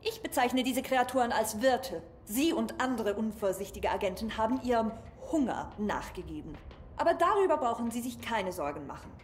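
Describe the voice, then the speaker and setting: Brusque, lively-pitched female scientist played by an actress. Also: normal speed, a little hiss or hum, lightly acted. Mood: clinical, explanatory. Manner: pedantic, curt, matter-of-fact. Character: brusque, clinical female scientist in a hazmat suit. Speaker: scientist character. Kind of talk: dubbed video game dialogue.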